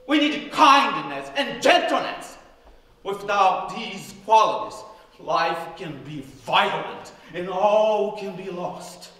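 A middle-aged man giving an earnest, dramatic theatrical monologue with deliberate pauses. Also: high-pitched, lively intonation, fairly bright tone. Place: on a theatre stage. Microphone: distant camera microphone. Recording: echoey hall from far off, faint noise.

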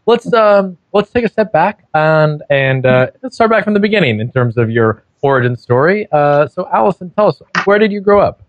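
A man's voice: on the high side, lively intonation, normal speed, hardly any pauses, no room sound. A man hosting a podcast interview, asking eager follow-up questions with frequent stammered restarts. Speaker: podcast host. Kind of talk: casual interview conversation. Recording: dry, dull lo-fi audio.

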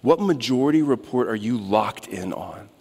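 Guy in his 30s preaching, goes quiet then loud and urgent, big echoey hall. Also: mid-range voice, expressive, moderate pace, husky. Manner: swings from quiet reflective asides to loud urgent exhortation. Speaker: guest preacher. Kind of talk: sermon. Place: large church sanctuary stage. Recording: long hall reverb.

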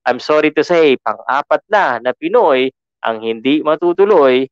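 A man's voice: a little high, expressive, moderate pace, clean tone, dry recording, highs cut off. A man with a Filipino accent hosting a podcast, talking casually with lots of fillers and restarts. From Philippines. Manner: chatty, code-switching, frequent fillers and restarts. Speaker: podcast host.

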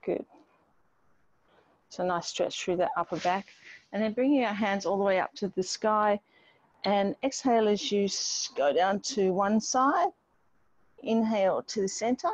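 A woman's voice: mid-range voice, unhurried, pauses often. A middle-aged woman leading an online exercise class, giving encouraging step-by-step cues as she moves along with the group. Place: outdoor home patio with garden wall. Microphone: distant device microphone on a video call. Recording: dull, band-limited video call audio.

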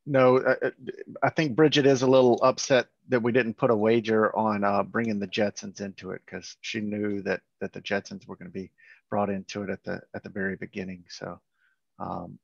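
A man co-hosting a casual webinar over a video call, halting and repeating words as he explains. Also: fairly low pitch, flat delivery, creaky, no echo. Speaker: company founder and co-host. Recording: muffled video call audio.

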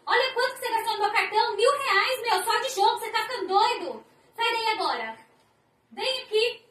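A mother angrily scolding her child, threatening and hurried in her anger. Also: very high-pitched, animated, a bit bright. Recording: roomy, from a distance.

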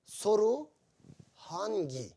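A man teaching to foreigners in short, deliberate phrases, repeating simple examples. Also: high-pitched, sing-song, dark tone. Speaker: Turkish teacher.

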